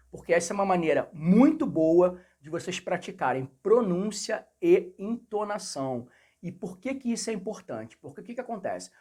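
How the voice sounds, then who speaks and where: A man with a Rio de Janeiro accent giving a casual video lesson on learning English, chatty and speaking straight to viewers. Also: high-pitched. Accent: Rio de Janeiro Portuguese. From Brazil. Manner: chatty, repeats phrases, addresses viewers directly. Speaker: English teacher.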